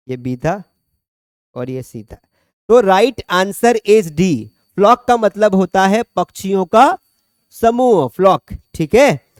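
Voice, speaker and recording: A male teacher, his voice sitting high for a man, lectures a classroom in a dry, close-miked sound. He chats, jokes and calls on students by name between points. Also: a little mellow, dry recording. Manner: chatty, joking, quizzes students by name. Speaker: English teacher.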